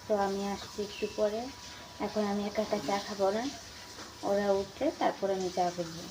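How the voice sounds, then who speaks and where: A woman's voice: mid-range voice, steady tone, moderate pace, background noise. A woman chatting casually through her daily chores for a home vlog, recorded in her kitchen. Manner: chatty, talks while doing chores. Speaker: vlogger.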